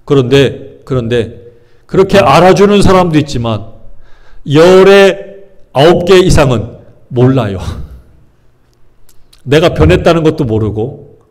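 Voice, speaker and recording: Male pastor, sermon, higher-pitched voice, rhetorical questions to the pews. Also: a little mellow. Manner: asks the congregation rhetorical questions and answers them; acts out people's inner thoughts in shifting voices.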